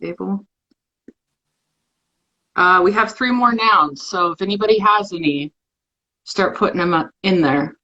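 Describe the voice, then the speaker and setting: A woman's voice: lowish voice, measured pace, pauses often, sharp tone, highs cut off. Casual woman host of a live-stream show, playful and chatty, on a phone or webcam mic. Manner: chatty and playful, reading a fill-in word game aloud.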